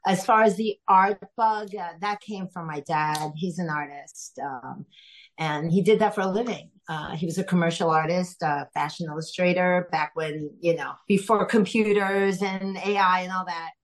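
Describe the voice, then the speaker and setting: A woman's voice: lowish voice, normal speed. Chatty middle-aged woman, podcast guest. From Greece. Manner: chatty, laughs often, many fillers. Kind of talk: casual interview chat.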